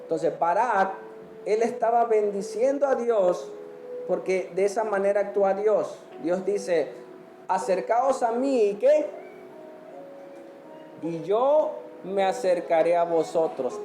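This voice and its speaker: A man preaching a sermon, quizzing the congregation and answering each point with amen. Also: high-pitched. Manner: asks the congregation questions, punctuates with amen. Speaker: pastor. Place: church hall. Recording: echoey church hall.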